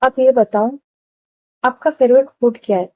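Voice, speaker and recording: A woman voicing a curious, eager young woman in her twenties who keeps asking questions, with a hoarse throat. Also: on the high side, unhurried, dry recording, narrow, tinny audio, close to an everyday voice. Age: 20s. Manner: asks question after question.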